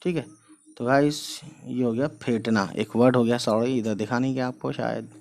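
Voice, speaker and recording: A male teacher gives a relaxed online writing lesson. He speaks at an ordinary middle pitch and keeps up a friendly running explanation while he writes. He leans on casual fillers to address his viewers. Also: moderate pace, gravelly. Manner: chatty, repeats "you know" and "guys", explains while writing. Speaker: Urdu script teacher.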